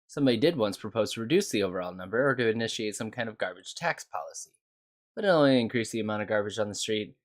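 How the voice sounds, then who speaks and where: A man's voice: lowish voice, animated, quick pace, lightly acted. A man reading aloud the lines of a chatty city resident who explains local matters.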